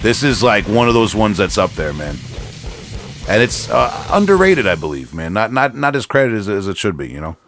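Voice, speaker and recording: Fairly low and a bit bright, this man's voice has a sing-song lilt and a moderate pace. He's hosting a laid-back music podcast, gushing and rambling as an eager fan, with music audible underneath.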